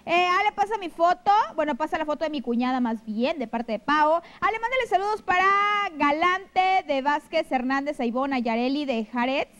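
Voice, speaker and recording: This Mexican studio host's voice sits high and is expressive and a bit bright, at normal speed with few pauses, captured in a rough recording. On live TV, she chats fondly in Mexican Spanish into a handheld microphone, reading viewer messages and gushing with pet names.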